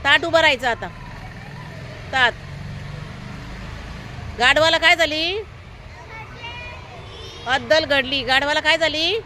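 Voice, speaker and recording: A woman's voice: high-pitched, takes it slowly, pauses often, pushed and bright, some chatter behind, slight background noise. A woman teaching a class of young children, telling a story and asking them constant questions, with firm, encouraging instructions. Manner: asks the children constant questions, coaxing answers. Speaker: primary school teacher. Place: school, with outdoor traffic noise behind.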